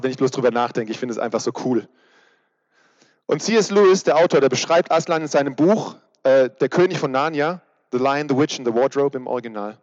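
A man preaching a casual youth sermon, chatty and asking his listeners direct questions. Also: mid-range voice. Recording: reverberant hall, dull sound.

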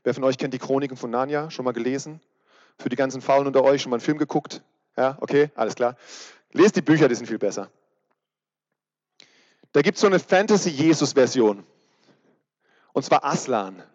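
A man's voice: medium pitch, brisk, pauses often, darkish tone. A man preaching a casual youth sermon, chatty and asking his listeners direct questions. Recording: reverberant hall, dull sound.

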